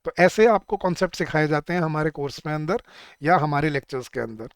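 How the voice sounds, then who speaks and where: A man teaching an online exam-prep lecture, sounding words out slowly and putting questions to his class. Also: a little high, lively intonation, clean tone, no echo, studio quality. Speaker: English teacher.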